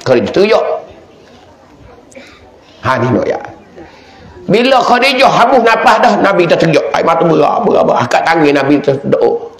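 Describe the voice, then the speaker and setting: High-voiced preacher with Kelantan-Pattani Malay accent. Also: male voice, expressive, moderate pace, pauses often, a bit bright, echoey room. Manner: dramatic, acts out dialogue in lowered voice. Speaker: religious teacher. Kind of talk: sermon storytelling.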